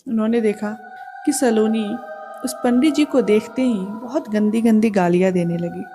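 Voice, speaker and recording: A woman's voice: on the high side, moderate pace. A woman casually retelling a true horror story as the channel's storyteller. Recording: music playing behind the voice.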